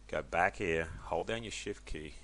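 A man casually walking viewers through a software tutorial, chatty and loose, with many ums and self-corrections. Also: deep voice, unhurried, slight background noise. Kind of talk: casual screen-recorded tutorial.

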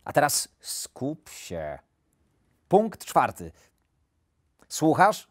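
Man voicing storybook wolf, gruff, stern, impatient, slow scolding, dry recording. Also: on the high side, huge pitch swings, no echo, full character voice. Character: grumpy impatient wolf, reluctant teacher. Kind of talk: audiobook character voice.

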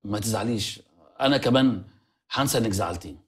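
Actor playing a bewildered, gullible groom. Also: male voice, fairly low pitch, lightly acted. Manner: bewildered, lively, rapid. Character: gullible hapless groom, easily fooled. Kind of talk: TV comedy drama acting.

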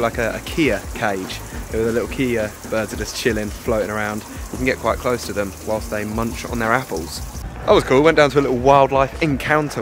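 A young man, chatting casually and cheerfully to a handheld camera while travelling outdoors, laughing often. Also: medium pitch. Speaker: travel vlogger. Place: outdoors on a road trip.

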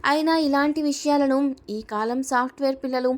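A woman voicing a sly, middle-aged village aunt in a storybook reading, gossiping in a hushed tone. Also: sits high, fairly quick, lightly acted. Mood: gossipy.

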